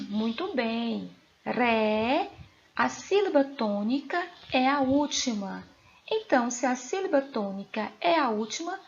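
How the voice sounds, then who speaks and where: A woman with a Brazilian Portuguese accent, a teacher giving a recorded lesson to young pupils, asking them questions slowly and clearly. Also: sits high, dull audio. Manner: slow, clear, questioning delivery to children. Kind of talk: recorded remote school lesson.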